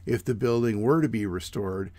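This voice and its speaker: A middle-aged man giving a measured, plain informative presentation outdoors. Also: fairly low pitch, darkish tone, no echo. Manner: measured, plain explanatory delivery. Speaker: student presenter. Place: outdoors in front of a brick building.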